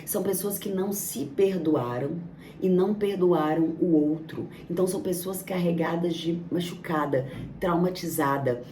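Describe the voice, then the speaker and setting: A woman's voice: on the low side, normal speed, dark tone, recorded from a distance, a little hiss or hum. A woman giving a motivational self-help talk as a coach, speaking emphatically in long lists and rhetorical questions. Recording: echoey room, off-mic, faint ambience.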